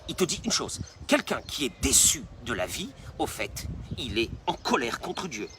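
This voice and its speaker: A man's voice: medium pitch, very animated, moderate pace, background noise. A man, a rabbi, preaching a sermon in an emphatic way, repeating phrases for stress.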